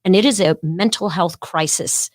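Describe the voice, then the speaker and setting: A middle-aged woman, a podcast guest, telling a story in an animated way and acting out the voices of the people she quotes. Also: lowish voice, moderate pace, dry recording, studio quality. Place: podcast studio.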